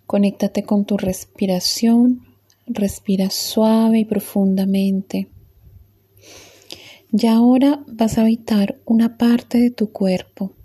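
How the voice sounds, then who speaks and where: A woman leading a guided meditation in a soft, calm voice with long pauses. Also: mid-range voice, slightly rough.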